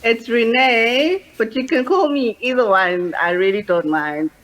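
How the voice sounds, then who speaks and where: A young woman, a guest on a webinar, speaking in a soft, measured way. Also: fairly high pitch, lively intonation, poor audio. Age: young adult. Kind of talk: webinar interview.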